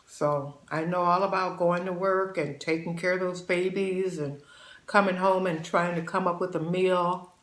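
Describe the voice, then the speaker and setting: A woman's voice: lowish voice, fairly even intonation, moderate pace, echoey room. A woman in her sixties hosting her channel, chatting while she eats and giving folksy, motherly advice to viewers she calls babies. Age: 60s. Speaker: channel host. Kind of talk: casual chat while eating.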